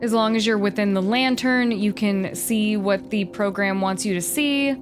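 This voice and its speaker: A woman hosting a let's-play, thinking aloud with curiosity as she narrates her moves, sometimes dropping to a hush. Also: medium pitch, moderate pace, noisy background. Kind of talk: casual gameplay commentary. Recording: faint game music behind.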